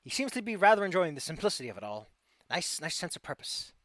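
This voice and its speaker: A man's voice: fairly high pitch, big pitch swings, fast, fairly bright tone, no echo. A man narrating casually as game master of a tabletop game, with a playful, teasing manner.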